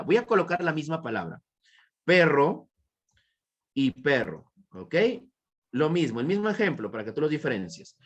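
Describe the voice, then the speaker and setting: Man, teacher, Peruvian Spanish accent, animated intonation, repetitive, asks questions, praises answers. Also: a little high. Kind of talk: online class lecture.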